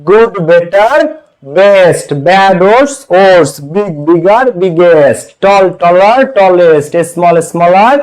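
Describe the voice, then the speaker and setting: A young man with a fairly high voice teaches a live online class. He keeps asking his students short questions and answering them himself, repeating key words over and over. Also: slow, a little mellow, clean tone, low-quality recording. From Bangladesh. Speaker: English teacher.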